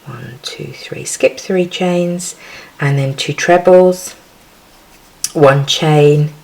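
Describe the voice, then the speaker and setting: Slow, low-voiced woman teaching crochet. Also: creaky, a little mellow, rough recording. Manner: chatty and giggly, counting stitches aloud. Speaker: crochet tutorial host. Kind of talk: casual crochet tutorial.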